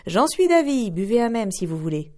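A woman's voice: medium pitch, sing-song, a little fast, warm tone, close to an everyday voice. A woman voicing a proud, rude young woman who talks in a scornful, haughty way.

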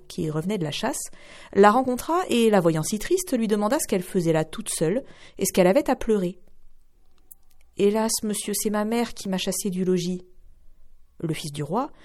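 A woman reads a fairy tale for radio in a clear, expressive voice. Her pitch moves in a lively, wide melody. She narrates at a measured storyteller's pace. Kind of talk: storybook reading.

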